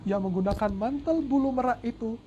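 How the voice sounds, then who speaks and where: This noisy home recording, full of ambient sound and lo-fi in quality, features a storyteller dramatically and casually telling a folk tale, with joking asides and self-corrections. The mid-range voice is brisk and dark in tone.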